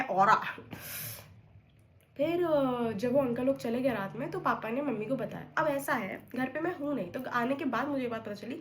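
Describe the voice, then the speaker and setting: Chatty high-voiced young woman vlogger. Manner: chatty and animated, mixing English phrases into her story. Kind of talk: casual storytelling vlog.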